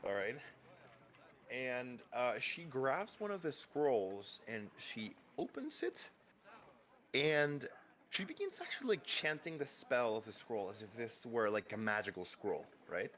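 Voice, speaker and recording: Slow, rambling game master man. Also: medium pitch, big pitch swings, a bit bright. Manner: rambling, hesitant, many fillers. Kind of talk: narrating a tabletop game.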